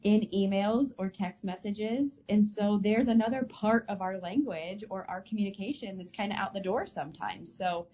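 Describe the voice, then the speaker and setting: A woman's voice: mid-range voice, normal speed, few pauses, mellow, dull audio, a little hiss or hum. A woman co-hosting a casual podcast, speaking thoughtfully with frequent restarts over a remote connection. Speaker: podcast co-host. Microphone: remote call mic.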